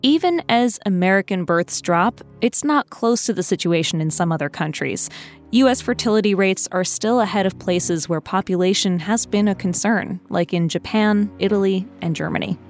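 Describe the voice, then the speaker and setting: A woman co-hosts a daily news podcast. She reads the stories in a clear, measured way and trades light remarks with her co-host. Faint music plays under her voice. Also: mid-range voice. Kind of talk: scripted news narration and banter.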